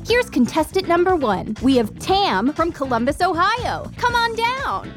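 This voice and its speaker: A woman's voice: very high voice, big pitch swings, a little slow, loud music behind the voice, exaggerated voice. A woman playing a capricious, showy girl who hosts a groovy game show in an audio comedy sketch. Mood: gushing. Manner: showy, exclamatory.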